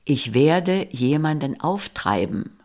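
A troubled married man speaks in hushed, halting lines, as a woman reads him out. The delivery is slow and drawn out, with a gravelly edge. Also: low voice, sing-song, full character voice.

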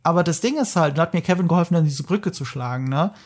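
A man hosting a podcast and chatting casually, animated and opinionated, with emphatic asides. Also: on the high side, fast talker. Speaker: podcast host. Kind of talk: casual discussion.

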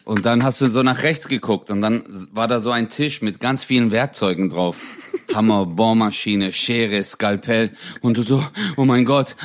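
A young man co-hosting a comedy podcast, telling stories in a lively, casual way and acting out the voices of people in them. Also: lowish voice. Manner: animated, acts out voices in anecdotes, laughs often. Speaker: podcast co-host. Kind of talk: casual comedic chat, storytelling.

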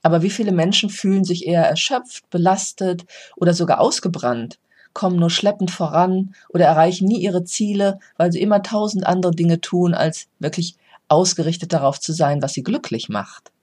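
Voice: medium pitch, moderate pace, a little mellow. A life coach giving an earnest motivational talk, speaking directly to the listener.

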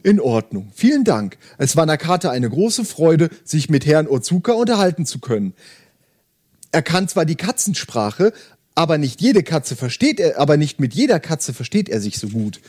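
Casting: male book-podcast host, lively, slightly high pitch, warmly reading prose. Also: moderate pace. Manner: enthusiastic, hesitant with fillers in chat. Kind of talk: reading aloud and casual book chat.

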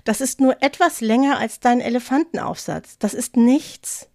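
A woman reading the lines of an excited, proud mother in a short story, insistent and eager. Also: fairly high pitch, moderate pace, dry recording, clean studio sound, natural voice.

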